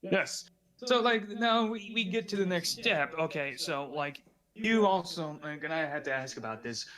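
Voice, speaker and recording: A man's voice: high voice, animated, normal speed, sharp tone. A man on a livestream patiently steering an argument back on track, with a lot of "like"s. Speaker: guest mediating a dispute. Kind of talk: livestream discussion.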